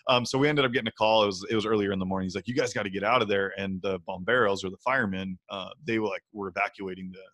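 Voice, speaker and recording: Low-voiced man rambling in an interview. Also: steady tone, very fast, few pauses, fairly bright tone, dry recording. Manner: rambling, frequent fillers and restarts. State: hiccups. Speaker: podcast guest. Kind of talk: casual interview chat.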